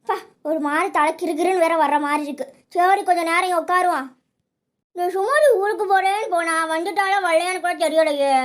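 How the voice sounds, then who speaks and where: A woman voicing a fussy, chatty old village grandmother in a Tamil cartoon dub. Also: very high-pitched. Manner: grumbling, chatty.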